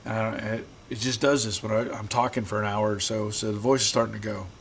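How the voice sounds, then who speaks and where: With a lowish voice gone rough after talking a long while, a man hosts a garage live stream and responds to comments. He's relaxed but halting, repeating words, and there's slight background noise.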